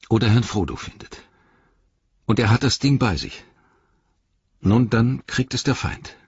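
A loyal young hobbit servant in anguish, pleading and arguing with himself, as a male reader puts him on. The voice rises high and strained over a very husky grain. The audiobook recording is dry and dull. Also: no echo, exaggerated voice.

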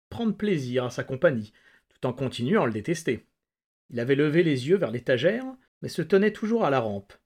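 Homme lisant un récit avec gravité. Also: male voice, mid-range voice, a little mellow. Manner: measured, dramatic narration. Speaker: reader. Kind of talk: audiobook reading.

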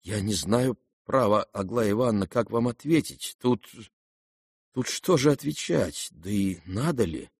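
A man voicing a gentle, timid young prince in an audiobook, speaking softly and hesitantly. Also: lowish voice, lively intonation, breathy edge, no room sound, clean studio sound, exaggerated voice. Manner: soft, hesitant, halting.

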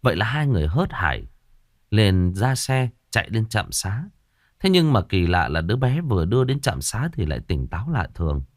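A man with a fairly low voice narrates a ghost story, his pitch rising and falling in a lively way. The sound is dry and close-miked. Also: moderate pace, no echo. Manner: expressive storytelling.

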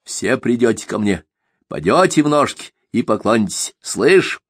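A man's voice: medium pitch, very animated, measured pace, husky, dry recording, studio quality. A man voicing a ranting old man who calls himself god, fiery and scornful, in an audiobook.

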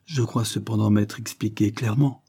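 A man's voice: on the low side, steady tone, normal speed, gravelly, mellow, breathy edge. A man voicing a stern, blunt old earl. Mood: stern, probing. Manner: pointed, questioning, rising emphasis.

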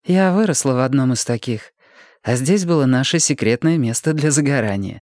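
A man reading an audiobook voices a calm, encouraging woman who coaches a learner driver. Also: mid-range voice, moderate pace, no echo, clean studio sound, natural voice.

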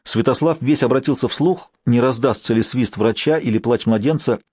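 A man's voice: normal speed, a little mellow, slightly rough, no room sound, studio quality. A man narrating a historical novel as an audiobook, reading evenly and lifting his voice for the characters' outbursts. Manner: reads evenly, raises pitch and volume for characters' outbursts.

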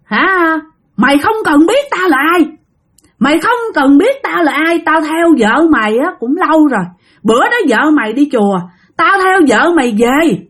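A woman voicing a hoarse, threatening ghost that has possessed a wife, talking fast and taunting. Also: sits high, lively intonation, a bit bright, pitched above the performer's own voice. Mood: menacing. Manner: rapid, raised and taunting.

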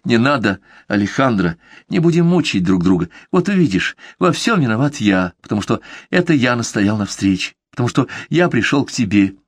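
A man's voice: mid-range voice, very animated, a little fast, hardly any pauses, no echo. Man voicing an anxious pleading young lover. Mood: soothing. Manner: earnest, imploring.

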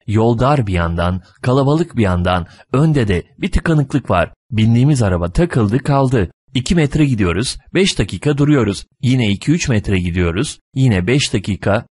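A man narrates a short story aloud with an animated, lively delivery. His pitch moves up and down freely. The sound is dry and close, with no room echo. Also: moderate pace, few pauses, breathy edge.

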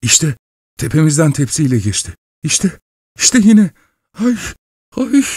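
A man's voice: fairly high pitch, very animated, unhurried, darkish tone, breathy edge, no echo, pitched above the performer's own voice, heavily acted. A man reading an audiobook, voicing a terrified young man who cries out in frantic panic. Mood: panicked.

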